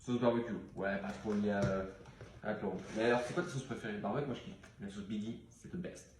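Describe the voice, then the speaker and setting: A man chats casually through a grocery haul, tossing in jokes and playful sing-song repeats. His voice bounces around a very echoey room. Steady background noise runs underneath. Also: fairly low pitch, fast. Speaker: vlogger.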